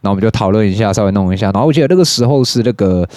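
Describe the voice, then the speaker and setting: A man's voice: animated, racing, a little mellow, no room sound, clean studio sound. Casual, cursing young Taiwanese man. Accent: Taiwanese Mandarin. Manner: swears often, jumps into high-pitched mimicry of others. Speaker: podcast host. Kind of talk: casual storytelling monologue.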